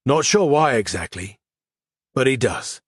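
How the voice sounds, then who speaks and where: A man's voice: medium pitch, animated, measured pace, breathy edge, dry recording, studio quality. A man voicing a mad, twitching one-eyed male assassin with a theatrical, mocking manner, in an audiobook. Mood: menacing.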